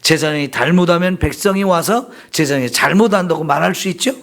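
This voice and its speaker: A man's voice: fairly high pitch, lively intonation, fairly quick, creaky, fairly bright tone. A middle-aged male pastor preaching an emphatic sermon in a church, acting out confessions in a raised voice.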